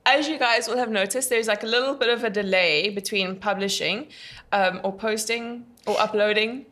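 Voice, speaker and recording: A woman's voice: mid-range voice, moderate pace, fairly bright tone. A South African woman co-hosting a podcast, chatting casually with lots of laughter and trailing sentences. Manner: bubbly, laughs often, trails off mid-sentence. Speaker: podcast co-host. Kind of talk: casual chat.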